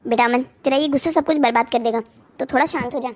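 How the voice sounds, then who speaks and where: A voice actor playing a gentle, worried mother in a cartoon story, speaking softly to calm her son. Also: high voice, quick pace, natural voice. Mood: pleading. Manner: soft, calming, pleading.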